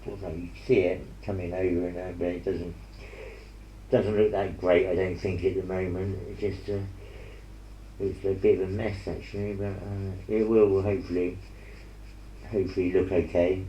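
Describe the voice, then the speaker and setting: A man hosting a painting ASMR video, mumbling and rambling softly while he paints, speaking into an earpiece mic. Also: low voice, little pitch movement, normal speed, lo-fi sound, a little hiss or hum. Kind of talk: soft-spoken casual chat while painting. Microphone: earpiece headset mic. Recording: roomy with faint ambience.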